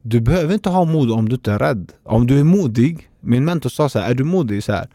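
A man's voice: medium pitch, expressive, warm tone, no echo, clean studio sound. Svensk man med knarrig, mörk röst. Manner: candid, personal storytelling with quoted self-talk. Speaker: podcast co-host. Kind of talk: casual conversation.

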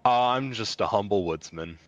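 A man with a lowish voice plays his character at a tabletop game. He talks casually and rambles with fillers. The sound is a dull, lo-fi mic that is dry and close. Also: moderate pace, no echo. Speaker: player. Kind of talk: in-character tabletop role-play.

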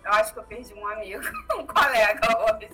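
A woman's voice: fairly high pitch, sing-song, brisk, over loud music, low-quality recording. A woman taking part in a casual discussion, speaking earnestly. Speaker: panelist.

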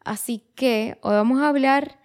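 A young woman in her early twenties hosts her own show in a relaxed, reflective monologue. She talks in a chatty way, restarts her sentences and slips English words into her talk. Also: high voice, a little slow, clean tone. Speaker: podcast host.

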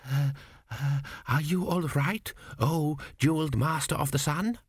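A man voicing a nervous palace servant who speaks hesitantly, pitched up high. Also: sing-song, unhurried, a bit bright, no room sound, clean studio sound, heavily acted. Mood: timid. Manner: hesitant, tentative.

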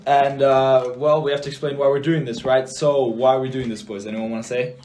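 A teenage boy runs a relaxed podcast chat, tossing loose questions to his friends. His voice sits in a mid range, with a faint hiss under the recording. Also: mid-range voice, fairly quick. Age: teens. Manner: loose, steers the talk with questions. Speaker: podcast host. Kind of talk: casual chat.

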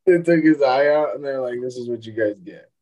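A man's voice: medium pitch, a little fast, lo-fi sound, a loud crowd. A man hosting a casual chat over a video call, swearing freely and laughing often. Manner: profane, laughing, rambling.

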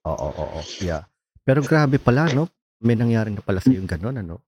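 A man with a Filipino accent interviewing a guest, soft-spoken and switching between Tagalog and English, with many quiet backchannels. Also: lowish voice, big pitch swings, fairly quick, husky, no echo, lo-fi sound. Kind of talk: casual interview.

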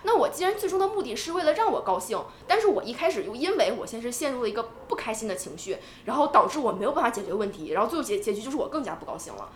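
A woman co-hosting a podcast in casual chat, animated and talking in quick bursts with restarts. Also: on the high side, reverberant, slight background noise. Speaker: podcast co-host.

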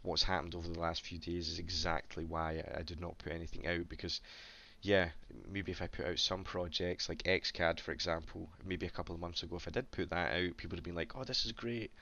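A man's voice: low voice, level tone, brisk, gravelly, hardly any pauses, bright, forceful tone, muffled recording. A man hosting a casual crypto Q&A, rambling with many stammered restarts and a slight cough. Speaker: crypto AMA host. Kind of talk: casual live Q&A chat.

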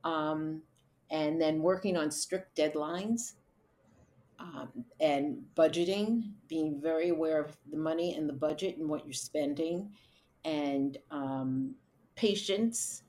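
A middle-aged woman who works as an event producer answers interview questions in a chatty, storytelling manner, laughing now and then. Her voice is low, slow, and a little mellow.

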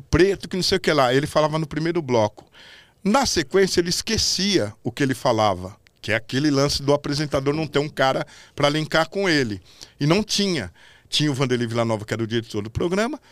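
Animated man telling backstage stories. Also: a little high, no echo. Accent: São Paulo Portuguese. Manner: lively anecdotes, acts out the people he quotes. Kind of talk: casual storytelling interview.

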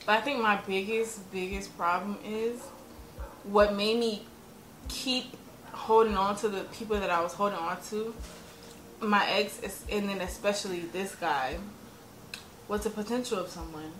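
A woman's voice: mid-range voice, fairly even intonation, measured pace, a bit bright, slight background noise. Chatty young woman telling a story. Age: 20s. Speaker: podcast co-host. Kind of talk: casual chat. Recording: roomy echo.

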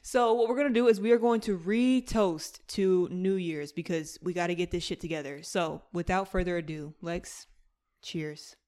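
A woman's voice: on the low side, normal speed, a little mellow. A woman hosting a podcast in casual, very slangy chat with frequent swearing. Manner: informal, slangy, heavy swearing. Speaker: podcast host.

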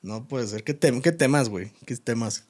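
A man's voice: mid-range voice, darkish tone. A young Mexican man co-hosting a podcast, chatting casually in slang and laughing easily. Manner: laid-back, slangy, quick to laugh. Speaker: podcast co-host. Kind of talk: casual chat.

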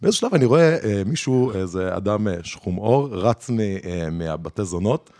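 A man's voice: on the low side, animated, darkish tone, no echo. A man hosting a podcast, telling anecdotes in casual chat with many fillers and laughs. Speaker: podcast host.

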